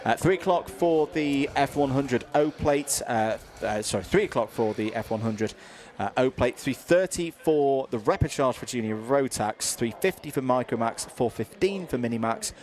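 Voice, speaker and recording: A British man calling a karting championship live. He is chatty and informal, full of fillers and restarts as he runs through the schedule. His voice sits in an ordinary middle pitch. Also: animated, moderate pace, a little mellow. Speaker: commentator.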